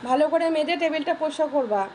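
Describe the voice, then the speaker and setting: A woman's voice: sits high, rapid-fire, a little mellow, slight background noise. A woman host chatting casually in a home vlog, scolding and cooing at her pets as she goes. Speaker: home vlogger.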